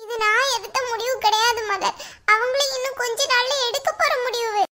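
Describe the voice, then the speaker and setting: A very high, bright and piercing cartoon voice of a young married village woman, acted by a woman. She sounds tearful and anxious, fretting aloud in despair. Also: fairly even intonation, moderate pace. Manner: tearful, despairing, talks to herself. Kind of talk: cartoon voice acting.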